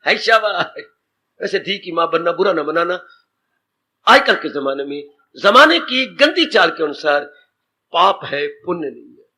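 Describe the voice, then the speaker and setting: Man, swami giving a sermon, very high voice, animated storytelling. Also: a little slow, pauses often, slightly rough. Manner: animated storytelling, addresses listeners directly. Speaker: swami preacher.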